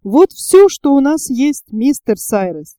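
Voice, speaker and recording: A woman's voice: high voice, expressive, takes it slowly, dry recording, clean studio sound. A woman reading the part of a polite, shy teenage boy who speaks apologetically. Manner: apologetic, soft.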